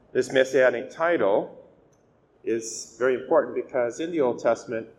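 A man speaking as a priest giving a scripture reading and homily, measured and deliberate with emphatic key words, his voice echoing as in a cathedral. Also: medium pitch, darkish tone. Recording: echoey church reverb, clear background noise.

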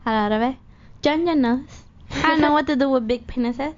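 A woman's voice: sits high, normal speed. A woman co-hosting a raunchy radio call-in show, flirty, crude and giggly. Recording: dull lo-fi radio broadcast, faint hiss.

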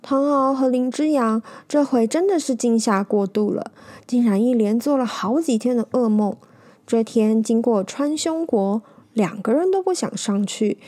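A woman narrating a storybook tale in a lively, animated read-aloud voice, with small fillers. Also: fairly high pitch, moderate pace.

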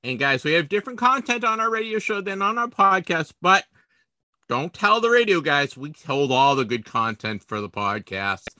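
Bright-voiced rambling podcast host man. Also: on the high side, big pitch swings, normal speed, dry recording. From Boston area, US. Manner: rambling, self-deprecating, trips over words. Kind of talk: casual podcast chat.

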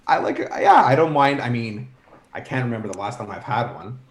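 A man's voice: mid-range voice, expressive, a little fast, a little hiss or hum. A man in his forties, a guest on a podcast, explaining things in an easygoing, rambling way. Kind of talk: casual chat. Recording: roomy echo.

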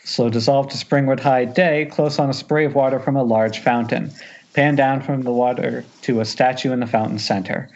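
A man reads screenplay directions at an informal table read on a remote group Skype call, now and then stumbling and starting over. His medium-pitched voice is a little mellow, with fairly even intonation and normal speed, and the internet-call audio is dull and noisy.

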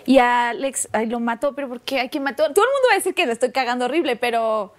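A Mexican actress in casual chat, slangy and giggly, using many filler phrases. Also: female voice, fairly high pitch, expressive, fast. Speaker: actress guest.

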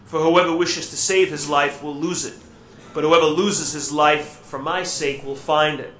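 Priest preaching in cathedral echo. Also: male voice, a little high, steady tone, a little hiss or hum. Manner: gentle and reflective, with halting fillers in his own words. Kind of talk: Gospel reading and homily at Mass. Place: church during Mass. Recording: echoey church room.

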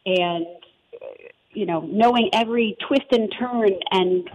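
A woman's voice: medium pitch, slow pace, a little mellow, rough recording. A woman in her thirties with a New Jersey accent, talking eagerly as an interview guest, full of fillers and asides. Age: 30s. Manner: enthusiastic, rambling with fillers. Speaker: guest, holistic health advocate. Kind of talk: conversational interview.

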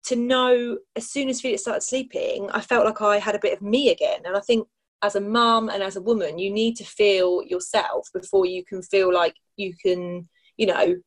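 A woman's voice: medium pitch, fairly even intonation, normal speed. A British woman, a mother, chatting casually and candidly about her own life as a podcast guest. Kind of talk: casual personal chat.

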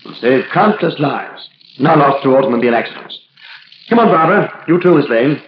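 An actor playing a fervent, idealistic, stubborn inventor in an old radio drama. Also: male voice, mid-range voice, expressive, brisk, slight background noise, lightly acted. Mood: earnest pride. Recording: echoey, muffled old radio recording.

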